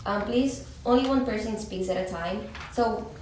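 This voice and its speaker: A woman's voice: medium pitch, normal speed, a little mellow. A young woman, a student, moderating a focus group with frequent ums and a reassuring manner. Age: young adult. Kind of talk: hesitant spoken moderation. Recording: echoey room from far off, background noise.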